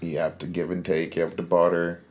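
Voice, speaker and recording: A woman's voice: extremely low pitch, level tone, brisk, darkish tone. A woman co-hosting a podcast, chiming in with short agreements and wondering questions. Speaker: podcast co-host. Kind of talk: casual chat.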